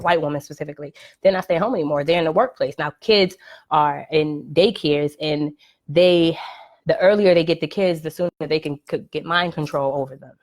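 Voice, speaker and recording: A woman hosting her first live podcast, talking casually with many "right?" checks and "um" fillers. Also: deep voice. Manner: conversational, frequent "right?" and "um" fillers. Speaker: podcast host. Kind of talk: casual live-stream monologue. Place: at home, live video stream. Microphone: computer or phone mic on a live stream.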